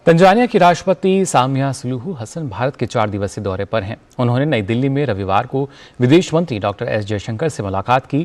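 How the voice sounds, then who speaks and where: Male news anchor, formal scripted read, measured and even. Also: medium pitch.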